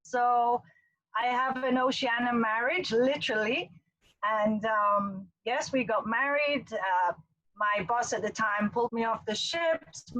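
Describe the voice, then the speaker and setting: A woman's voice: mid-range voice, a bit bright, no room sound, low-quality recording. A woman from England, a cruise line vice president chatting and telling stories on a video call. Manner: chatty, storytelling, laughs often. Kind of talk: casual video call presentation.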